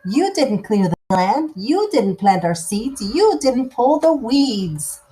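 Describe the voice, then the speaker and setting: A woman's voice: fairly high pitch, big pitch swings, slow pace, dark tone, pitched above the performer's own voice. A woman voicing indignant talking garden vegetables in a children's story, scolding firmly and emphatically.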